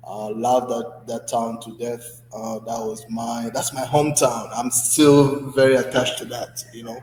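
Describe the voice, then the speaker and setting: A man in his twenties from the Democratic Republic of Congo, a guest in an interview, telling his story in a relaxed way with many fillers. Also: mid-range voice, unhurried, reverberant, big-room sound, a little hiss or hum, poor audio. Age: 20s. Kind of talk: conversational interview.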